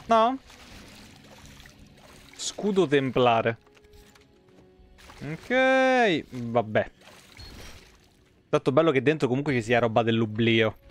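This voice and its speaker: Streaming from an indoor room on webcam, a man commentates on a game live in a casual way, exclaiming and swearing. His medium-pitched voice has lively intonation but a slow pace with long pauses. Game effects, ambience, and soft music sit in the background.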